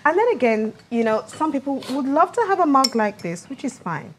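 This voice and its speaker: A woman's voice: high-pitched, sing-song, a little fast, slight background noise. A woman speaking as an etiquette coach on a lifestyle show, giving conversational, instructive advice on dos and don'ts. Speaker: etiquette coach, guest expert.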